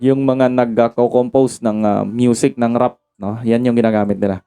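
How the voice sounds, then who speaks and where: A man's voice: medium pitch, fairly even intonation, normal speed, dark tone, clear, resonant tone, no room sound. A man from the Philippines giving a casual product demo, chatting to viewers as "idol" and breaking into mic checks. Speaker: sound card reviewer and MC. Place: home facing a market.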